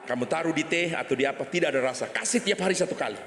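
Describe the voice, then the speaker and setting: A man voicing a calm doctor in a low, matter-of-fact tone within a sermon story. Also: racing. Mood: deadpan. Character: calm deadpan male doctor. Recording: echoey church hall.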